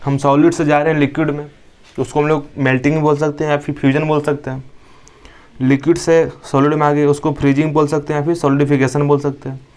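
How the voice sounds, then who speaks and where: A man's voice: a little high, flat delivery, fast, a little mellow. A young man from India teaching a science lesson. He asks the class questions, answers them himself and repeats each key term. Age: young adult. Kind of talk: classroom lecture.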